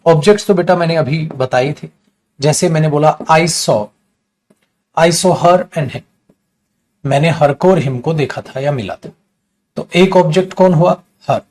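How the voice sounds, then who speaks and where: A male teacher giving an animated grammar lecture to a class, talking fondly to his students and using dramatic emphasis. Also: on the high side. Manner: animated, addresses students as beta, dramatic pauses.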